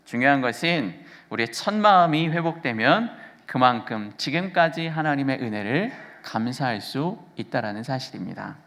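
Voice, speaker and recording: A man's voice: mid-range voice, sing-song, moderate pace, a bit bright. A man in his thirties preaching a sermon as pastor, asking the congregation questions as he goes. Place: church sanctuary. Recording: long church reverb.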